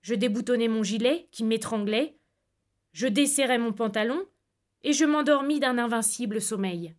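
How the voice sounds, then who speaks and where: A woman narrating a classic story in measured audiobook style. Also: a little high. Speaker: reader.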